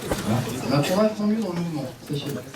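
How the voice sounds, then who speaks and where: Guy on a headset mic running a conference talk, kinda high voice, joking with the crowd, echoey far-off hall, faint room noise. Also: very fast. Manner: lively, directs the audience through exercises with light jokes. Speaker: conference speaker. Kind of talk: interactive conference presentation. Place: conference hall with a seated audience. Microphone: headset microphone. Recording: roomy, distant hall sound with faint ambience.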